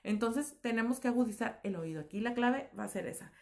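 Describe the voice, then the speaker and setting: A woman's voice: a little high, a little fast. A woman teaching a recorded lesson, explaining patiently with fillers and self-corrections. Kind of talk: recorded class lecture.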